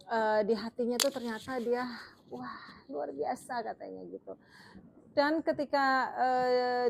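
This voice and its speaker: Young woman, chatty, emotional, filler-heavy, slightly high voice. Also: a little hiss or hum. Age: young adult. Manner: emotional, chatty, full of fillers, laughs often. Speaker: vlogger. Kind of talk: casual storytelling to camera.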